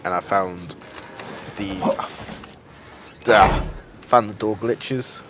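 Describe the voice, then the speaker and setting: A man's voice: lowish voice, drawn-out words, very noisy. A man giving casual, joking gameplay commentary as a streamer, chatty and self-deprecating with lots of fillers. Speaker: game streamer.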